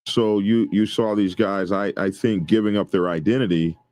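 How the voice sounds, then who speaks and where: A man co-hosting a podcast, explaining things in a measured, casual way with frequent pauses. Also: on the low side, fairly even intonation, darkish tone, dry recording. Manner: measured, explanatory, hesitant fillers. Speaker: podcast co-host.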